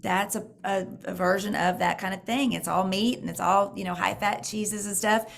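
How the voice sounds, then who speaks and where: A middle-aged woman with a hoarse voice, chatting casually and haltingly as she hosts a Q&A, often restarting her sentences. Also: mid-range voice, fairly even intonation. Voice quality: hoarse, creaky. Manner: rambling, halting, self-correcting. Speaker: diet program mentor and host. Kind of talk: casual live Q&A chat.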